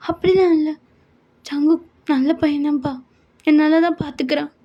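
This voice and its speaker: A woman's voice: sits high, steady tone, fairly quick, lo-fi sound, pitched above the performer's own voice. A woman doing a tearful pleading young woman. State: crying.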